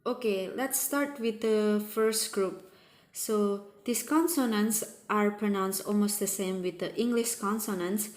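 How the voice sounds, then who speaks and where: A woman teaching a language lesson, explaining sounds patiently and repeating examples slowly. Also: mid-range voice, a little mellow, echoey room. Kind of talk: slow spoken language lesson.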